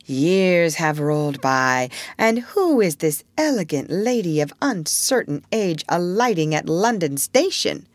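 A prim young girl storyteller , acted by a woman, motherly and grandly dramatic. Her pitch rises and swoops as she builds each phrase, unhurried and theatrical, in a dry, close storybook recording. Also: sing-song, no room sound.

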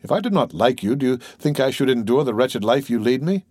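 A man's voice: medium pitch, animated, fairly quick, a little mellow, slightly rough, no room sound, studio quality. A man voicing a sly, sentimental old male innkeeper who talks in a wheedling, sententious way, in an audiobook.

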